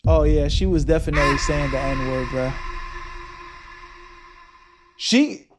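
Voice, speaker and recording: A man's voice: a little high, slow pace, music in the background. A man streaming live, reacting to a video in loose slang through a headset mic, talking straight back at the screen and greeting his chat. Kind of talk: casual live reaction commentary.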